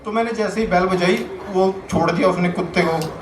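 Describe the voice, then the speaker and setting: A young man on a comedy stage tells stories in a bright, high register. His delivery is chatty and anecdotal, building steadily to each punchline. The sound carries the echo of the room, and he sits at some distance from the mic over a faint background hiss. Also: brisk. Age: young adult. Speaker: stand-up comedian. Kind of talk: stand-up comedy storytelling. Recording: echoey room, voice picked up from a distance.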